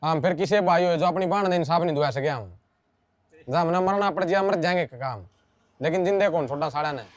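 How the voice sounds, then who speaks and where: A man's voice: a little high, brisk, lightly acted. A man acting as an angry young village man vowing revenge, speaking bluntly with a Haryanvi accent. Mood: defiant. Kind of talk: Haryanvi family drama acting.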